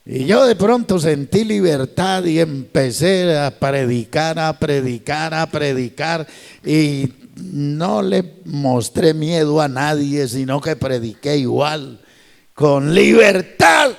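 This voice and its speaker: Male pastor, fervent storytelling sermon, raised gravelly voice, long hall reverb. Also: on the high side, lively intonation, slow pace. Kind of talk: sermon testimony.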